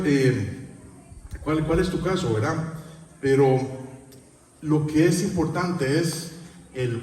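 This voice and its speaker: A male pastor preaching a sermon, halting, full of fillers and repeated tag questions. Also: on the high side, darkish tone. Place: church hall. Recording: echoey church hall from far off.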